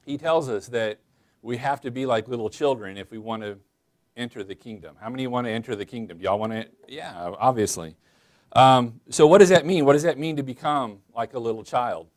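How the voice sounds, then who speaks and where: A man preaching a casual, chatty sermon in church, asking the congregation questions and filling pauses with "um" and "uh". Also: medium pitch. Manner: folksy, chatty, many fillers, addresses listeners as y'all. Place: church sanctuary.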